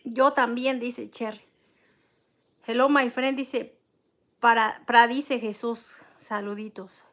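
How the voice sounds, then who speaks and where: A middle-aged woman hosts a casual livestream. She reads viewers' names and comments aloud and answers them in a gentle, consoling way. Her voice is gravelly and sits a little high. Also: steady tone, slow. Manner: eats soup between comments. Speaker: livestream host. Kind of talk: casual live chat reading comments.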